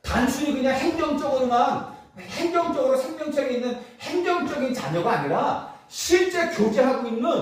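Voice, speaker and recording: Korean pastor preaching in an echoey hall. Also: male voice, very high-pitched. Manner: preaching with rhetorical questions, emphatic repetition. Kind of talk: sermon. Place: church sanctuary. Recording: echoey church hall, distant mic.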